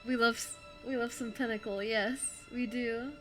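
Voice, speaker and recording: A woman's voice: fairly high pitch, steady tone, moderate pace, a bit bright, soft background music. A woman with a German accent streaming a game, chatting casually, thinking aloud and answering her chat. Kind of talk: casual gameplay commentary.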